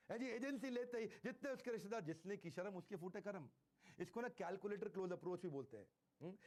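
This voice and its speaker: Emphatic high-voiced male sales trainer. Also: a little mellow. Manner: emphatic, repeats key phrases slowly, mixes in English. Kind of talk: motivational sales lecture.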